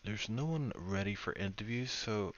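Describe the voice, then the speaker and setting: Hosting a league race broadcast, this man from the United Kingdom gives casual post-race commentary, rambling and self-deprecating. He has a fairly low voice at a normal speed, heard through dull, lo-fi stream audio.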